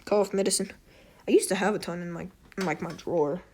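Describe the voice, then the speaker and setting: Hoarse, slightly wheezy woman rambling casually. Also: lowish voice, brisk, darkish tone, a little hiss or hum. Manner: rambling, self-deprecating, apologetic. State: hoarse throat. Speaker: tutorial host. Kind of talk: casual unscripted game tutorial commentary.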